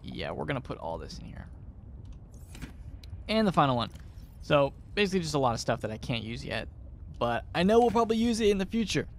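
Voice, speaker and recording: A man's voice: fairly high pitch, sing-song, a little fast, pauses often, a little hiss or hum. A man giving let's play commentary, chatty and thinking aloud as he plays, often unsure of himself. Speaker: gamer.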